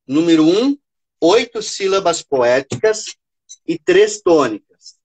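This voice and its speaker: A woman's voice: lowish voice, big pitch swings, slow pace, darkish tone, slightly rough. A woman from Brazil leading a live teaching session for teachers, patient, checking in often and counting syllables aloud. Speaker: teacher presenting a workshop for teachers.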